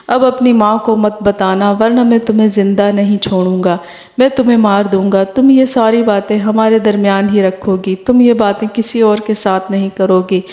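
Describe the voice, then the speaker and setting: A stern, violent middle-aged male cleric hurls harsh threats, read by a woman narrating a story. The voice stays mellow and soft-toned rather than gruff. It sounds like it was recorded in a roomy, echoing space. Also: mid-range voice, fairly even intonation, close to an everyday voice. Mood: threatening. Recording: roomy echo.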